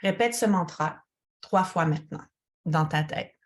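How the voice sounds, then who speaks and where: This is a woman in the role of yoga teacher, taking one person through a relaxation with calm, gentle instruction. Her voice is low-pitched and she never hurries.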